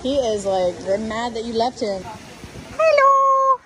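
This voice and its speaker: A young woman vlogging on a sailboat, talking casually and cooing in a high sing-song voice to her puppy. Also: wildly swooping pitch, takes it slowly, noisy background. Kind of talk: casual vlog chat and voice-over. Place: outdoors, on a small sailboat.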